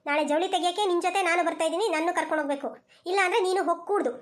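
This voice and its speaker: A woman's voice: extremely high pitch, rapid-fire. A woman voicing a stubborn, quarrelsome elderly mother-in-law in a village cartoon, who talks insistently and repeats herself. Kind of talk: cartoon voice acting.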